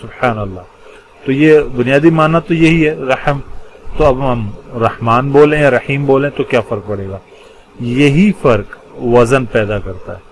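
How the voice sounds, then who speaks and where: A man teaching a Quran lesson, in a voice of middle pitch. He explains slowly and carefully, pausing between phrases and stressing key terms. Faint background noise sits under the recording. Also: poor audio. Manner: explains patiently with pauses, stresses key words. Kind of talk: religious lesson explaining Arabic word patterns.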